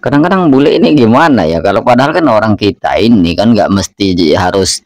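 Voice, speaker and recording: Male Indonesian reaction host, lowish voice, close dry recording, loose conversational delivery. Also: animated, brisk, darkish tone, no echo. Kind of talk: casual rambling commentary.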